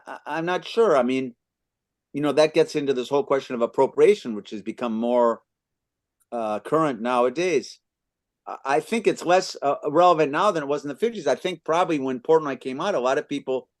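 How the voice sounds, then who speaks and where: A man in his fifties from the United States, hosting a book club and answering questions thoughtfully, with frequent restarts. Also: medium pitch. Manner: reads excerpts aloud. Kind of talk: literary discussion, answering questions.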